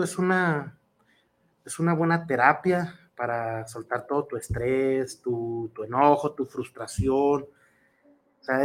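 A man with a Mexican accent, a professional wrestler answering interview questions in an earnest, rambling way full of fillers and restarts. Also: on the high side.

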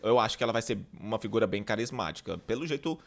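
A man's voice: on the low side, expressive, rapid-fire. Playful, campy male podcast host. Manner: playful, camp slang. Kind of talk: casual chat.

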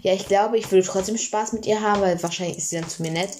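A woman's voice: mid-range voice, steady tone, quick pace, a little mellow. A young woman in casual chat, rambling and laughing often, recorded on a phone. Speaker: co-host of a question game. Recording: phone recording with faint noise.

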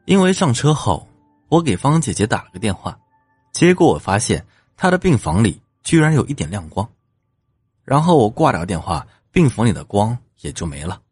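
A man's voice: lowish voice, big pitch swings, normal speed, a little mellow, slightly rough, no echo, soft background music, full character voice. A man playing a smug, teasing young cop. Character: cocky young male police officer, smug and teasing. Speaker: police officer. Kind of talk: audio drama acting.

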